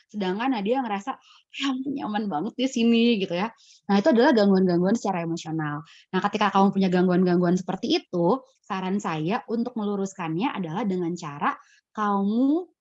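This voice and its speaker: A woman giving public speaking advice in a webinar Q&A, lively and playfully acting out example voices. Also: medium pitch, no echo, dull audio. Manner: lively, acts out quotes with expressive voices.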